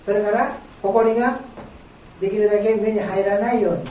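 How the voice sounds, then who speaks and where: A woman's voice: medium pitch, fairly even intonation, brisk, warm tone. An older woman gives an informal talk to a group, explaining patiently in short phrases. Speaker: guest speaker who is blind, answering questions. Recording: very echoey room, distant mic, faint noise.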